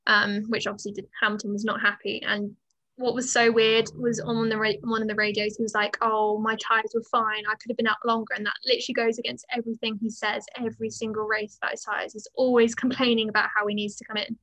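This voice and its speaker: A woman co-hosting a casual podcast chat, opinionated and quick to laugh. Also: a little high, flat delivery, sharp tone, poor audio. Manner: chatty, opinionated, laughs often. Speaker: podcast co-host.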